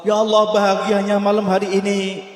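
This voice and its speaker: A male preacher voicing a poor old male companion who cries out in loud, emotional exclamations. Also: high voice, monotone, a little fast, pitched above the performer's own voice, close to an everyday voice. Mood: overjoyed. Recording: echoey hall reverb.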